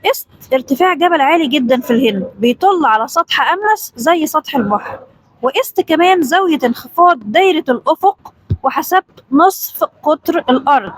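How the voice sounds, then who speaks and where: A woman voicing a calm, polite 14-year-old boy scholar who explains patiently, with an Egyptian Arabic accent. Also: sits high, brisk.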